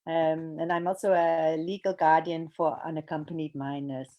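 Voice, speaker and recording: A woman's voice: sits low, little pitch movement, normal speed, dull audio. A woman from the United Kingdom introduces herself at a presentation over a video call, hesitating with frequent fillers. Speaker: poet and children's author.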